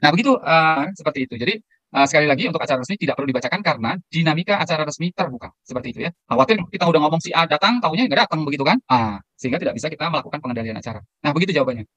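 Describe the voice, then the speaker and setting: A man's voice: a little high, animated, rapid-fire, a bit bright, no room sound. A man who trains people in event protocol, answering questions in an online meeting and repeating his key points as he explains. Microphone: video call.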